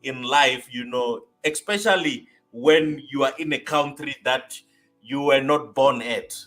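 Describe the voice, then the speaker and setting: A man's voice: medium pitch, measured pace, fairly bright tone, faint music behind. A man hosting a casual interview over a video call, rambling with a lot of "you know" and repeated "wow". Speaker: host.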